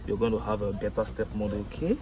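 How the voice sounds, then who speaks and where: A man playing a gentle, apologetic father in a comedy skit, with music behind. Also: on the low side, quick pace, low-quality recording.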